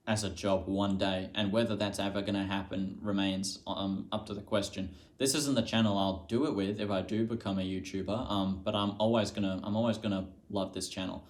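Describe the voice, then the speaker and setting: A young man just out of high school, chatting casually to the camera as a vlogger. He mocks himself and swears offhandedly. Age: young adult, just out of high school.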